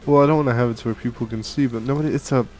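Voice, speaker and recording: Racing along at medium pitch with a darkish tone and fairly even intonation, a young man rambles through casual Minecraft let's play commentary from his home gaming room. He's a gaming channel host catching a cold, and his talk is full of fillers and restarts. There's a little hiss or hum on his headset and studio mic at the desk.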